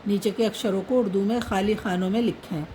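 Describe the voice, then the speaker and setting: A woman's voice: mid-range voice, steady tone, fairly quick, warm tone, slight background noise, poor audio. A woman teaching how to write Urdu letters, patiently naming each letter and dot as she writes. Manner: patient, repeats letter names while writing. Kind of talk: slow step-by-step writing lesson.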